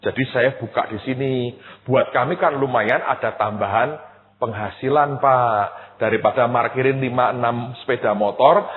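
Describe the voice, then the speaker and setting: A male pastor preaching a sermon, telling a personal story with lively quoted voices and addressing the congregation directly. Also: medium pitch, a little hiss or hum. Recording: tinny phone-like sound with long hall reverb.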